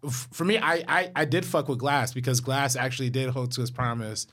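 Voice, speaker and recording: Man, podcast co-host, bright sharp voice, relaxed, casual film talk. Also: mid-range voice, brisk. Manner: relaxed, agreeable, many short interjections.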